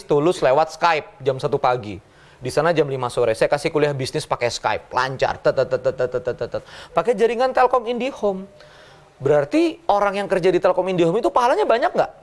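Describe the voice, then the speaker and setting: A middle-aged man giving a motivational business seminar, playful, acting out little scenes and jumping up and down in pitch. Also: lively intonation, brisk. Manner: playful, acts out little scenes with jumps in pitch, laughs often. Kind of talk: animated motivational seminar talk.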